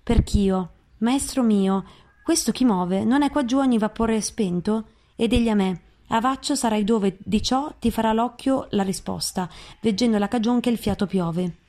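A woman recites classic verse in a measured, solemn way. Her voice is mellow and warm, with a darker colour. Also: medium pitch. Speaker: reader.

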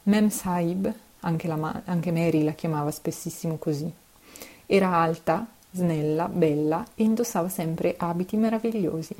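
A woman reading a children's novel aloud with a low, mellow voice. She keeps a steady, expressive storytelling pace. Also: moderate pace. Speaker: narrator.

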